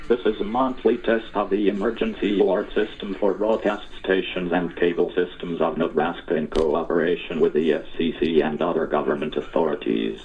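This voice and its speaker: A synthetic robot text-to-speech man's voice reading an official emergency alert announcement in a formal, measured way. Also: sits low. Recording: dull lo-fi sound from a TV set.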